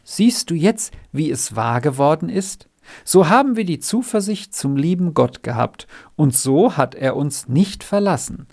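A male storyteller voicing a pious little farm girl who speaks earnestly and gently. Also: fairly high pitch, sing-song, unhurried. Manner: earnest, softly persuasive.

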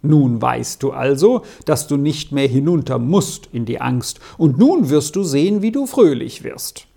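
Reader putting on a friendly old-school alpine herdsman, slow, dark mellow tone, reassuring. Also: mid-range voice, lively intonation, gravelly. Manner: warm reassuring, gently persuasive. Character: kindly cheerful adult male alpine herdsman. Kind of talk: storybook reading.

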